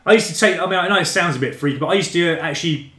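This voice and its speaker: Man, gaming streamer, rambling casual chat, slightly high voice, echoey room. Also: racing, sharp tone. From England. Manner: rambling, chatty, calls viewers mate and guys. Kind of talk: casual live-stream chat, reading viewer comments. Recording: roomy echo.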